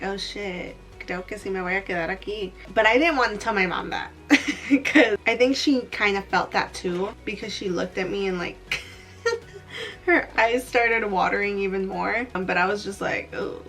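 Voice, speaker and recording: A young woman telling a get-ready-with-me storytime, animated and laughing, slipping into Spanish now and then. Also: mid-range voice. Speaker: beauty vlogger.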